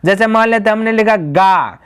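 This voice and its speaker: This man's voice sits high and sounds a bit bright and smooth, moving at a moderate pace. Giving a grammar lesson, he explains each step, asks the class questions he then answers himself, and calls his students "my brother."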